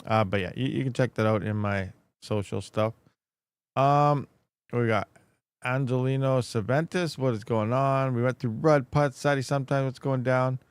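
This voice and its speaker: A man hosting a casual, rambling live stream, speaking with slightly slurred, toothless diction and soft S sounds from a swollen mouth after having teeth pulled. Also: mid-range voice, fairly even intonation, moderate pace, smooth, no room sound. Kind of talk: casual rambling livestream chat.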